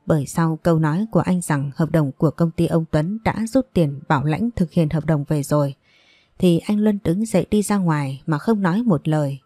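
Low, warm-voiced woman reading a story. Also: moderate pace, dry recording, soft background music. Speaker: audiobook narrator. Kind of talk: scripted story narration.

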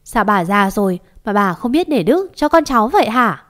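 A woman voicing a brash, foul-mouthed middle-aged neighbor woman who shouts insults in a storybook. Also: mid-range voice, animated, moderate pace, close to an everyday voice. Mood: angry.

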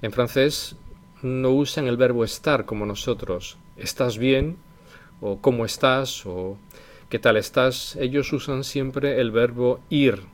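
A man teaching a language lesson, explaining slowly and repeating example phrases, often ending a point with a quick "eh?". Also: mid-range voice. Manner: tag question "eh" after points. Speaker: French teacher.

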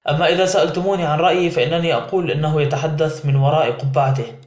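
A man's voice: fairly high pitch, fairly even intonation, rapid-fire, a little mellow, roomy sound, natural voice. A man voicing a blunt, impatient young man in an audiobook.

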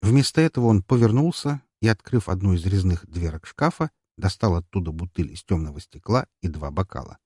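A man reading a first-person story aloud in an expressive, wry audiobook narration. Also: low voice, brisk, hardly any pauses, slightly rough, dry recording, clean studio sound.

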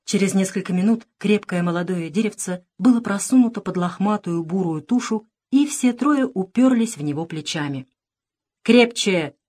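Female audiobook narrator, mid pitch, dramatic storytelling delivery. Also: lively intonation, moderate pace, hardly any pauses. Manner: dramatic, raising pitch and volume for shouted dialogue. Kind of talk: audiobook narration with voiced dialogue.

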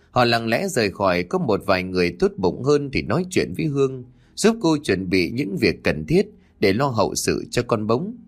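A man narrating a dramatic audio story in a steady reading voice. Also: medium pitch.

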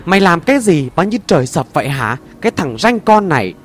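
A man voicing a harsh, gruff middle-aged rural father who barks at his young son in a storybook tale. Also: a little high, very animated, a little fast, soft background music, voice pushed up. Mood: angry. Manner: barking, bullying, raised voice.

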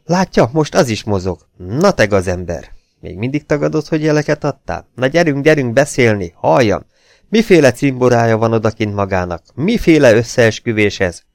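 A man's voice: low voice, expressive, darkish tone, dry recording, clean studio sound. A man as an angry, demanding baronet. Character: commanding young male baronet, impatient.

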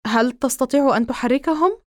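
A woman's voice: sits high, brisk, dry recording, clean studio sound, close to an everyday voice. A woman reading an audiobook voices a worried young man who talks urgently and tries to reassure.

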